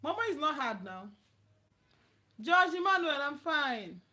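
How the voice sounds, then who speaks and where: A Nigerian woman from Anambra State gives relationship advice on a casual livestream from a dim room at home. Her high voice is sing-song, bright and forceful at a measured pace, and she talks directly, repeating phrases for emphasis.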